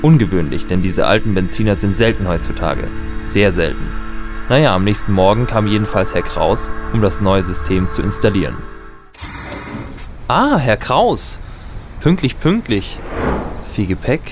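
A man's voice: low-pitched, a little fast, music in the background. An actor playing a nostalgic, wary man in a futuristic smart home, narrating and talking in a musing, conversational radio drama style. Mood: curious. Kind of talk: radio drama narration and dialogue in first person.

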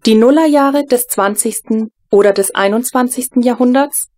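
A woman's voice: a little high, a little mellow, natural voice. Woman as a formal, polite smart home computer. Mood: polite, attentive. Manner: formal, measured, courteous. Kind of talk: radio drama computer announcements.

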